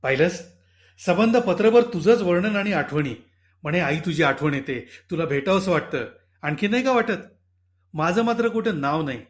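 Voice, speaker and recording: A man voicing an embittered middle-aged father who is quick-tempered and stern, in a loud, scolding delivery for a spoken story. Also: high voice, animated. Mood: resentful.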